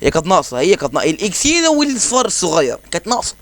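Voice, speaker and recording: A man with an Egyptian Arabic accent giving casual, excitable commentary over his own gameplay, joking and exclaiming as he plays. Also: high-pitched, rapid-fire, dry recording. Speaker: gaming channel host.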